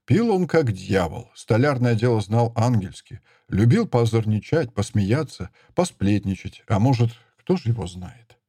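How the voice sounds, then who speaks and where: A man narrating an audiobook in a measured, expressive storytelling manner on a close mic. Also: mid-range voice, husky, dry recording.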